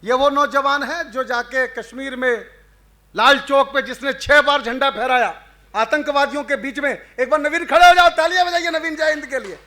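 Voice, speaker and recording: A man reciting patriotic verse live, chanting refrains and stretching lines slowly between crowd banter. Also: extremely high pitch, pushed and bright. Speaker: stage poet and emcee. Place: live event before an audience.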